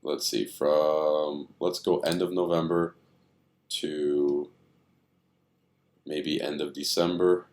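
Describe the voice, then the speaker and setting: A man's voice: a bass voice, steady tone, slow, pauses often, a little mellow. A man giving casual, rambling commentary on stock charts, thinking aloud with many fillers, tired and yawning.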